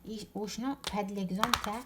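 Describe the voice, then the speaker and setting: A young woman with an Algerian Arabic accent teaching a German lesson, repeating example words slowly and dropping French words into her explanations. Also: mid-range voice, fairly even intonation, very noisy. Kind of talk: online language lesson.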